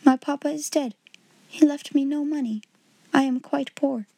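A woman voicing a proud, steadfast little orphan girl with a quiet, mournful manner, in a storybook reading. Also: sits high, steady tone, normal speed, vocal fry, no echo, voice pushed up. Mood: steady, sad.

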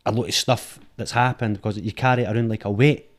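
He talks fast, his lowish voice holding a fairly even intonation. The speaker is a middle-aged film director from Edinburgh, a guest musing openly in conversation and often circling back on words as he searches. The recording comes through a dynamic studio mic.

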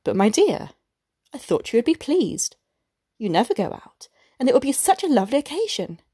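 A woman's voice: high-pitched, big pitch swings, moderate pace, warm tone, husky, dry recording, clean studio sound, voice pushed up, full character voice. A woman reader voicing an anxious, eager-to-please clerk husband who stammers and pleads. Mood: pleading.

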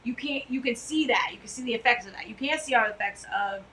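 A middle-aged woman co-hosts a casual podcast from a couch, talking loudly and emphatically. Her voice is bright and a touch high. A faint hiss of room noise sits under it. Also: fast, low-quality recording. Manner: loud, chatty and emphatic. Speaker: podcast co-host. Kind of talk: casual chat.

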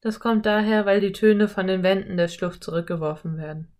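A woman voicing a clever young boy who speaks in a calm, matter-of-fact way. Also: mid-range voice, fairly quick, close to an everyday voice. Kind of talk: audiobook character voice.

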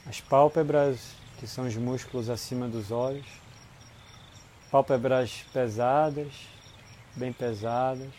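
A man with a Brazilian Portuguese accent leads a guided relaxation in a soothing, unhurried manner, leaving long pauses between short phrases. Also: mid-range voice, fairly even intonation, dark tone, a little hiss or hum. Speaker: guided meditation instructor. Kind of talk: guided body-scan relaxation.

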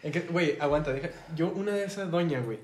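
A man's voice: fairly high pitch, fast. A young man with a Mexican accent, co-hosting a podcast, telling crude joking stories and mimicking others. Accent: Mexican Spanish. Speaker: podcast co-host. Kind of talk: casual crude storytelling. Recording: echoey room, faint noise.

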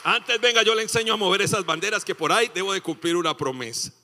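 Ringing-voiced preacher in a big hall. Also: male voice, high voice, lively intonation, fast. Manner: swings from loud singing exclamations to hushed asides, acts out quotes. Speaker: pastor. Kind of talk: sermon. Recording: long hall reverb.

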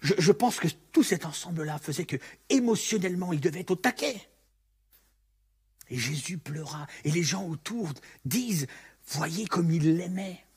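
A man delivers a lively sermon, his voice fairly high and swinging widely in pitch. The tone is husky and rough at the edges. He slips into the voices of the people in the story as he tells it. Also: moderate pace. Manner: animated, acts out the story's speakers. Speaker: pastor.

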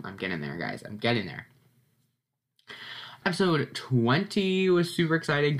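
A teenage boy hosts his own podcast, giving a casual solo recap in a medium-pitched, slightly bright voice with some vocal fry. He sounds upbeat and chatty, full of ums and little laughs, though a bit congested and sniffly.

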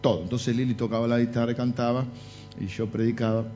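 A man's voice: mid-range voice, fast talker. A middle-aged man with a Rioplatense Spanish accent, preaching in a church and telling humorous stories with jokes and asides. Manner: animated storytelling with jokes and asides. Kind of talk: humorous sermon anecdotes. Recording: dull lo-fi sound with faint music.

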